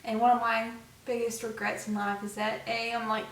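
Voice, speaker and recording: A chatty young woman co-hosting a casual vlog, her higher voice rambling through fillers and restarts. She sits a little back from the mic, and the room gives her voice a noticeable echo. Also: level tone, normal speed. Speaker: vlog co-host. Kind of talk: casual chat. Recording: echoey room, mic at a distance.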